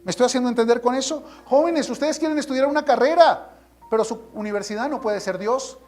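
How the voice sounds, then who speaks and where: A man's voice: very high voice, a little fast, a little mellow. A man preaching a sermon as pastor, emphatic and full of rhetorical questions, sometimes acting out the voices of his congregation.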